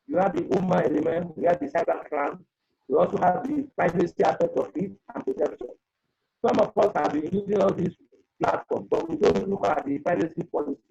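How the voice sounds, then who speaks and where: A man's voice: sits high, lively intonation, brisk, gravelly, dark tone, breathy edge, lo-fi sound. A man speaking earnestly as a webinar panelist over an online conference call with an earphone mic, the audio breaking up. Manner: earnest, advising, repeats himself. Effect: heard over a breaking online conference call. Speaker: webinar panelist on data protection. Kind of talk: advisory talk on a video call.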